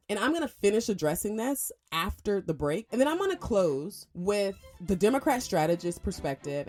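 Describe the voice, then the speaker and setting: A woman hosting a radio talk show, delivering an emphatic, opinionated monologue in a studio, speeding up in bursts and jumping up in pitch for emphasis. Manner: emphatic, lively, fast bursts and sudden pitch jumps.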